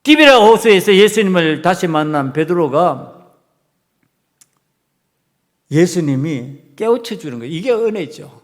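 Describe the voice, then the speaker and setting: A man's voice: high voice, animated, measured pace, pauses often. A male pastor preaching a sermon to his congregation, emphatic, putting rhetorical questions to them. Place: church sanctuary. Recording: long reverb of a church hall.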